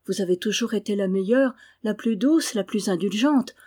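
A woman's voice: medium pitch, moderate pace, warm tone, close to an everyday voice. A woman reading the lines of a humble, timid young girl, anxious and self-effacing. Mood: eager.

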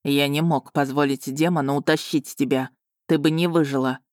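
Woman voicing a stern male dragon, gruff. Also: sits low, steady tone, normal speed, a little mellow, no echo, clean studio sound, pitched below the performer's own voice, natural voice. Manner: curt, clipped and dryly stern. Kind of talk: audiobook character voicing.

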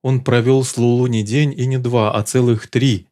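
Male audiobook narrator, mellow tone, steady and measured delivery. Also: mid-range voice.

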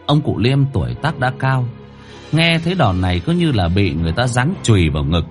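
A man narrating a dramatic story in an expressive, emotional way. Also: mid-range voice, fairly quick, soft background music.

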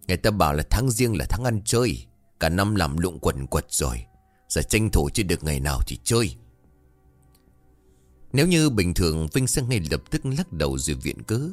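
Deep-voiced male storyteller. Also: dry recording. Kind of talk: scripted story narration.

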